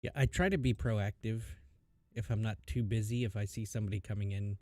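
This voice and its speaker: A man working as a streaming air traffic controller, moving between measured procedural calls and casual chat. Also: on the low side, fairly even intonation, darkish tone, no echo.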